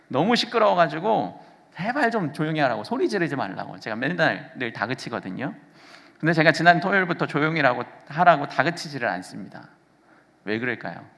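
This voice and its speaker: A man in his thirties delivers a sermon as pastor, his voice pitched a little high and swinging widely in melody. He keeps putting questions to the congregation. The sound carries a long reverb from the church hall. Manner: animated preaching with questions to the congregation. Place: church sanctuary.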